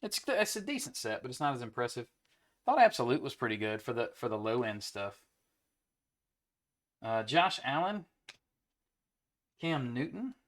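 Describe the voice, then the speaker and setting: A man's voice: mid-range voice, big pitch swings, moderate pace, pauses often, a bit bright. Easygoing man rattling off card pulls. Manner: easygoing, rattles off player names between chat. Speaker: card break host. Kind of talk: casual chat while opening card packs.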